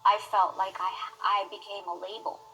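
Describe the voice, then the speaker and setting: A woman giving an earnest, halting, emotional personal testimony in an interview. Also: medium pitch, level tone, sharp tone, dull audio, soft background music. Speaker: testimony guest.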